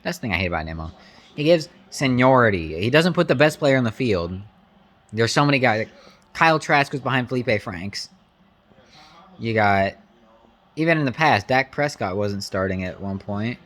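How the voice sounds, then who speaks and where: Speaking at a normal speed in a mid-range voice, a man gives informal, slang-heavy reactions to a game as it happens, opinionated throughout and flipping between excitement and grumbling.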